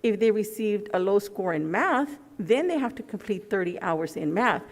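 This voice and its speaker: A woman's voice: mid-range voice, lively intonation, moderate pace. A woman talking through a face mask, giving a formal presentation and answering questions as a school program presenter. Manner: speaking through a face mask, slightly muffled. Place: large indoor board meeting room. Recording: echoey meeting hall.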